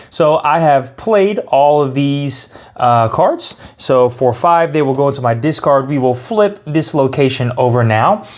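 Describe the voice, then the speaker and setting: A man with a mid-pitched voice hosts a casual card game playthrough. He explains each step as he goes and reasons out his choices aloud. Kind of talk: casual tabletop game walkthrough.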